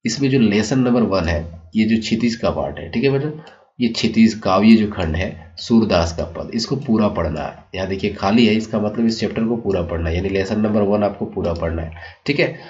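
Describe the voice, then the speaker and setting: A man's voice: fairly low pitch, fairly quick. A male teacher walking students through a school syllabus, repeating checks like "okay" as he explains. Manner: repeats "ठीक है" and addresses children warmly, explanatory. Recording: dull lo-fi sound.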